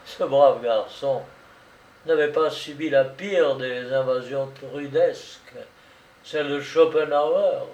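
A man narrating a classic story in a measured, dramatic reading style. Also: mid-range voice, darkish tone, lo-fi sound. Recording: roomy, distant mic, faint noise.

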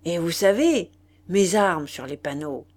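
A woman reading aloud and voicing a boastful, smooth-talking aristocratic marquis with emphatic bluster. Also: on the high side, expressive, measured pace. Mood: indignant.

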